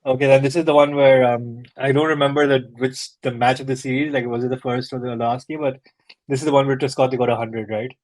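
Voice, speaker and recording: Brief: man, casual quiz contestant, thinks aloud, middle pitch. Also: steady tone, fast. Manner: thinks aloud, hesitant restarts, frequent laughs. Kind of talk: casual chat.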